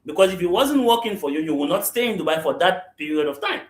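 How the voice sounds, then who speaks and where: His voice is high with lively intonation, and he talks fast. The man is from Cameroon and works as a real estate general manager, answering interview questions over a remote call into a live podcast; he often restarts sentences and checks "you understand?", all heard through a roomy echo.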